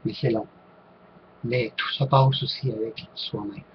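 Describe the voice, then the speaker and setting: A man's voice: medium pitch, steady tone, a little slow, muffled recording, slight background noise. A man with a Québécois accent answering viewer questions to camera, hesitant, with many fillers and restarts. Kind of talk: casual talk to camera.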